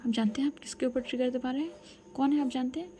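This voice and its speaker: A woman voicing a frightened young woman who stammers and begs in a hushed, breathy voice. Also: high voice, fast talker, soft background music, lightly acted. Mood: pleading.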